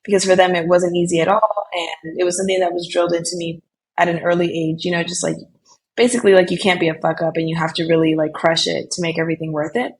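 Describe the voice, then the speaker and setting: A young woman with a lowish voice and flat delivery talks fast, with a little hiss or hum in the recording. Originally from Colombia and raised in the California Bay Area, she is a developer relations lead appearing as a podcast guest. Her casual interview chat is full of "like" and "you know."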